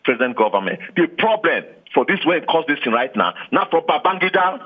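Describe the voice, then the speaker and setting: A man's voice: on the high side, very animated, a little fast, husky. A man with a Nigerian accent speaking Nigerian Pidgin as a caller, casually giving his opinion. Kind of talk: casual opinion on a call-in show. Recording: thin, narrow phone line.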